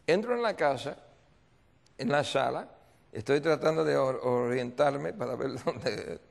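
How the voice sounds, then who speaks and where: A male pastor preaches a seminar sermon, telling a story with acted voices and repeatedly quizzing his audience through call-and-response questions. His mid-range voice has vocal fry and moves a little slowly.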